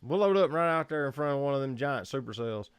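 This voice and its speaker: A Southern-accented man from Georgia runs a casual photography livestream from a room at home, rambling, relaxed and quick to chuckle. He speaks fast at a medium pitch, with lively intonation and a smooth voice, in a dry recording.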